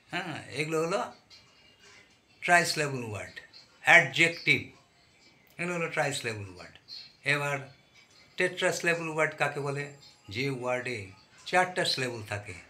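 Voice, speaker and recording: A man teaching a grammar lesson to students. He spells words out letter by letter, stretches out his examples slowly and asks the class questions. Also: medium pitch, bright, forceful tone, a little hiss or hum. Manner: addresses students directly with questions.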